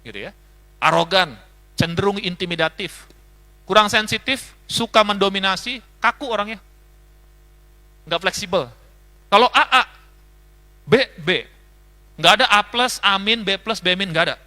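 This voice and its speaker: Bright-voiced male pastor teaching. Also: high voice, moderate pace, long pauses. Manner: lively, lists traits, often asks the audience. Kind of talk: leadership seminar teaching.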